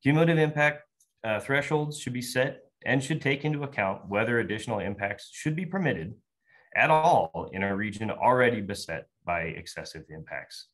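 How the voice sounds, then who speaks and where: A man reading a formal, steady prepared public comment over a video call. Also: medium pitch, moderate pace.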